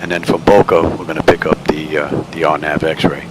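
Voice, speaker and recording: A man's voice: extremely low pitch, level tone, a little fast. A man giving casual cockpit commentary as he plays the pilot in a flight simulator. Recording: clear cockpit engine noise behind voice.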